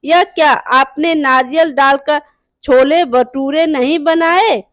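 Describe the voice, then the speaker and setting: A woman's voice: sits high, slow pace, fairly bright tone, no echo, clean studio sound. A woman voicing a sly young daughter-in-law who pleads sweetly and mocks her mother-in-law in a storybook tale.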